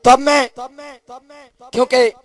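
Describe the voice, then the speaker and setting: A young man with a strained throat, giving a religious rally speech and shouting call-and-response slogans to a crowd through a microphone. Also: very high voice, level tone. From Pakistan. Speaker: student group district leader. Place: outdoor rally venue with crowd.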